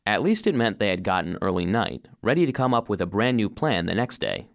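Imagine an earnest robot vacuum narrating a children's story in the first person: a male voice, fairly low but swinging widely in pitch, a little fast, recorded close and dry with no echo. The scripted delivery sounds loyal and a little anxious, with an earnest storytelling mood.

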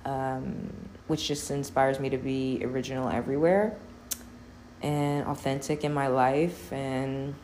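Low-voiced young woman rambling casually. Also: steady tone, darkish tone, slight background noise. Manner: rambling, filler-heavy, cusses freely, quick laughs. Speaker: podcast host. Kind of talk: casual solo podcast chat.

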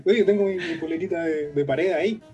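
A man with a Chilean accent talking casually about films and pop culture, laid-back and quick to laugh. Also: fairly high pitch, darkish tone, highs cut off, soft background music. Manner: laid-back, keeps saying "cachai", laughs often. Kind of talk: casual film discussion.

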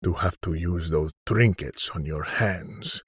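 A contemptuous, deadly older killer who drawls his threats slowly, as a man voices him in an audiobook. The voice sits low and a little husky, close and dry with no room around it. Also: no room sound, heavily acted. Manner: slow, contemptuous, menacing. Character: cold, arrogant older male superhuman killer. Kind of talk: audiobook character reading.

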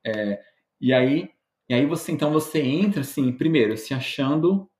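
A man's voice: a little high, expressive, moderate pace, darkish tone. Brazilian guy on a podcast, chatty and jokey, lots of fillers, echoey room. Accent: Brazilian Portuguese. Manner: chatty, self-mocking storyteller with many fillers. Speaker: podcast guest, medical educator. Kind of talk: casual interview chat. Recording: roomy echo.

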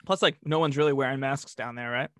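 A podcast co-host talks quickly in a medium-pitched, slightly bright voice with fairly even intonation and no echo. He banters and tells casual stories, leaning on wry, self-deprecating humor.

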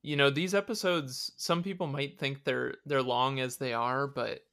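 A man's voice: medium pitch, steady tone, moderate pace, creaky, a bit bright. A man co-hosting a podcast, chatting in an easygoing way with lots of fillers. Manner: easygoing, filler-heavy, agreeable. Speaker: podcast co-host. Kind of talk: casual chat.

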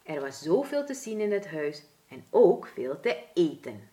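A woman from Suriname with a Surinamese Dutch accent, reading a children's storybook aloud as storyteller in an expressive, deliberate way. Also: sits low.

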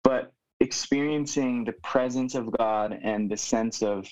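A man in his twenties from Hawaii, a youth pastor telling his story as a podcast guest in an earnest, reflective way with thoughtful pauses. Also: mid-range voice, a little mellow. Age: 20s. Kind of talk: casual conversational storytelling. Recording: dull lo-fi remote audio.

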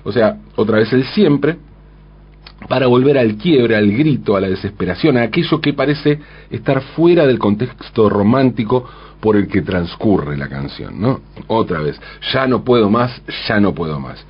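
Talking through song lyrics in a measured, reflective way, a man uses a lowish, expressive, slightly rough voice at normal speed, with the highs cut off. He thinks aloud, correcting himself and frequently asking a rhetorical "¿no?".

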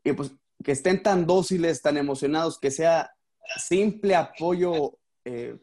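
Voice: medium pitch, a little slow, mellow. A podcast co-host chatting casually and joking along with the guest.

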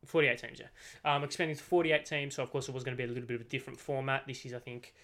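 A man's voice: mid-range voice, little pitch movement, racing, fairly bright tone. A teenage man with a slight lisp from braces, hosting a casual solo football podcast, rambling and correcting himself as he goes. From Australia. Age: teens. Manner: rambling, self-correcting, chatty. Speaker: podcast host. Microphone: desk microphone.

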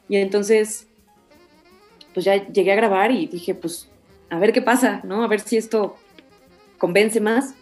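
A woman's voice: medium pitch, measured pace, long pauses, faint music behind. A voice actress, talking casually in an interview and acting out the quotes in her story. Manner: animated, many fillers, acts out quotes.

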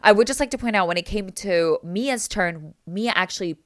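A woman's voice: mid-range voice, expressive, normal speed, dry recording, clean studio sound. A young woman co-hosting a podcast, chattily recapping a reality show episode and laughing often, heard over remote call audio. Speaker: podcast co-host. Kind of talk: casual TV recap chat.

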